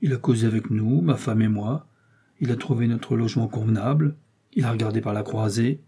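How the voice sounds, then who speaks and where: A naive, loyal working-class fellow, read by a man chatters eagerly and takes fright easily. The voice is husky and warm, and the part is told as an audiobook. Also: medium pitch, fairly quick. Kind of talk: audiobook character reading.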